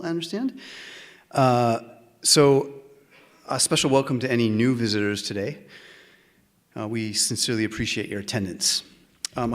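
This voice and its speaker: A man opening a community gathering as its vice president, giving welcome announcements at a halting pace full of uh and um fillers. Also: on the low side. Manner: halting, frequent uh and um fillers, tries to slow down. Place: meeting room with a live audience.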